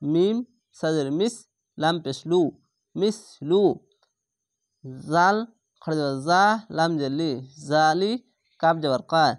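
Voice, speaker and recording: Pitched fairly high, a man leads a slow recitation lesson in Quran reading, spelling out letters and vowel marks and then joining the syllables. Patient explanations come between the drills, and the audio is dry and studio quality.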